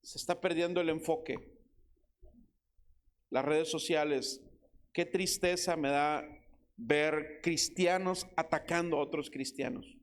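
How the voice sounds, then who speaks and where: A man with a Mexican accent preaching a sermon as pastor, telling a story with lively, acted-out quotes. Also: a little high, takes it slowly, long pauses. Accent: Mexican Spanish. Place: church. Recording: loud guitar music behind.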